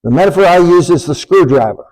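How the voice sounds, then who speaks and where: A man lecturing to an audience in a room, deliberate and emphatic, slowing down to stress key phrases. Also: fairly high pitch, animated, darkish tone, poor audio. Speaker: speaker giving a talk.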